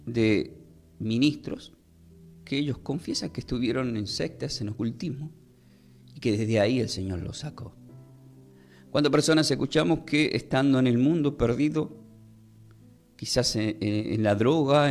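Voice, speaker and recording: Measured male preacher over soft music. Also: medium pitch. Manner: measured, slowing to stress key words. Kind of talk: sermon.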